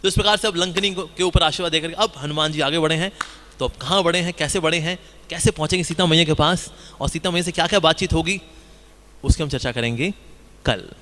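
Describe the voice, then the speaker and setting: A man giving a devotional discourse in mixed Hindi and English, telling the story with animated asides and mocking voices. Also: fairly high pitch, fast talker, big-room sound, slight background noise. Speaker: spiritual speaker.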